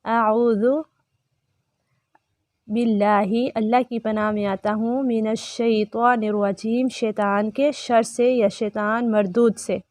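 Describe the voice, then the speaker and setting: Slow, careful woman tajweed teacher. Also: a little high, fairly even intonation, a little mellow, dry recording, studio quality. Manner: slow, careful recitation alternating with quick explanations. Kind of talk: online recitation lesson.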